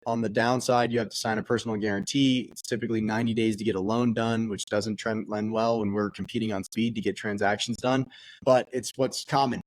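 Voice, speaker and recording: A man co-hosting a podcast, explaining things in an energetic, slangy, casual way with many fillers. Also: mid-range voice, no room sound. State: out of breath. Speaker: podcast co-host.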